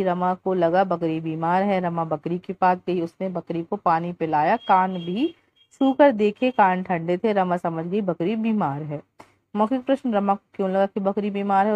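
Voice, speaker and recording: A woman teacher reading a primary-school workbook aloud, asking questions and explaining answers at a deliberate pace, with the odd restart. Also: medium pitch, a little mellow, dry recording. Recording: dull lo-fi sound.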